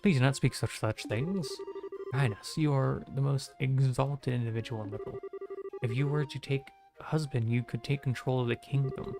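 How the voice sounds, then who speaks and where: Brief: a devoted, worried attendant to a princess, read flat by a male streamer. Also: mid-range voice, moderate pace, music in the background, close to an everyday voice. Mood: pleading. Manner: reads the lines plainly in his own monotone.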